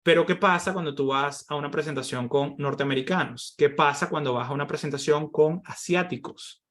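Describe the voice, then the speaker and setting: A man from Venezuela teaching an online workshop on presentation skills, explaining points and often tagging sentences with quick questions to his audience. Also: on the high side, fairly bright tone. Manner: explanatory, with many rhetorical tag questions. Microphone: computer microphone on a video call.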